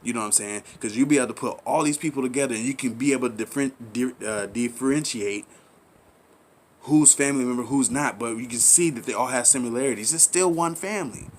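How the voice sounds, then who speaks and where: Fast-talking and mid-range, a commentary channel host launches into an impassioned monologue. He rambles and preaches, says things more than once, throws out rhetorical questions and urges his listeners on in casual slang.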